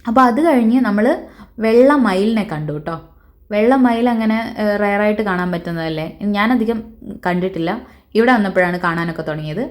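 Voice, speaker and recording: A woman's voice: mid-range voice, fairly quick. Chatty woman narrating her travel vlog. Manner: chatty, often searching for words. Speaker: travel vlogger. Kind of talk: casual voice-over narration.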